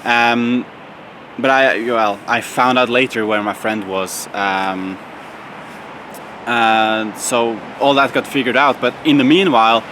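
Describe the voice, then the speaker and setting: A man's voice: mid-range voice, slow pace, sharp tone, a little hiss or hum. A young man vlogging casually outdoors, rambling with lots of fillers and restarts. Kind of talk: casual vlog monologue.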